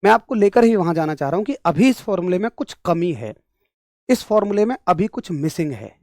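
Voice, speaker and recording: High-voiced man teaching, dry close sound. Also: very animated, brisk, darkish tone, no room sound. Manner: emphatic, scolding then explaining step by step; addresses students directly, repeats key points. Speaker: physics teacher. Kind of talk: online class lecture.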